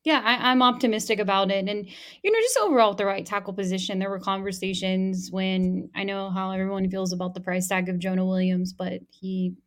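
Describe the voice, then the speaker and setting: A woman's voice: mid-range voice, fairly even intonation, fairly quick. A woman co-hosting a sports podcast, chatting casually and thinking aloud as she goes. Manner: thinking aloud with fillers and restarts. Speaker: podcast co-host.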